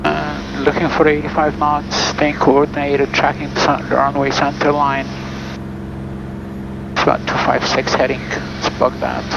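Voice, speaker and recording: A fairly high-pitched, monotone, unhurried male voice belongs to a student pilot on a solo flight. He self-narrates and calls the radio from a small plane's cockpit, where audio sounds dull and engine noise is clear.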